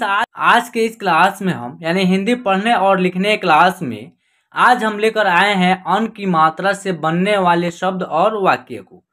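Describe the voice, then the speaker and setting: A man hosting an online reading lesson, spelling words out slowly sound by sound and often checking that the viewer is following. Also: sits high, a bit bright. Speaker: online Hindi teacher and channel host. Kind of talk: slow classroom lesson, spelling out words syllable by syllable.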